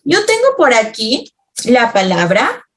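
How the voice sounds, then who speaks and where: A woman leads a children's grammar lesson, taking it slowly and patiently. Her voice sits a little high and swings widely in pitch as she keeps checking that the children follow along. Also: wildly swooping pitch, a bit bright. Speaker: teacher.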